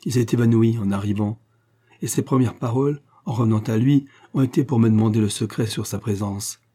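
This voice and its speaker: A man's voice: lowish voice, brisk, warm tone, lightly acted. A man voicing a hearty, loyal middle-aged farmer in an audiobook, jovial and earnest.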